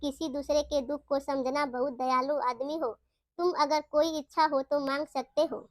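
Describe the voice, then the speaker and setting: A woman voicing a kindly old wandering holy man in a storybook tale, speaking gently. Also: sits high, fairly even intonation, moderate pace, no room sound, close to an everyday voice. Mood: gentle. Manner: gentle, blessing tone.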